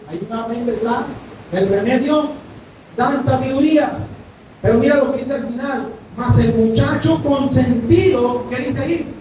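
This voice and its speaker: A male pastor, preaching a sermon and often asking the congregation if they follow. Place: church hall. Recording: echoey room, distant mic, faint rumble.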